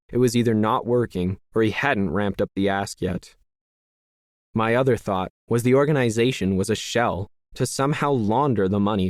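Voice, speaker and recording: A man narrating a science fiction audiobook in the first person, in a measured, even storytelling manner. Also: on the low side, dry recording, studio quality.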